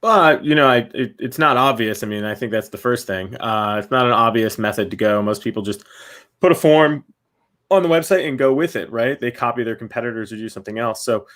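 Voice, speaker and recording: Interview guest: man, mid-range voice, relaxed and filler-heavy, conversational. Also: mid-range voice, brisk. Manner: loose, many fillers like um and you know. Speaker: guest, company CEO. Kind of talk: casual interview answers.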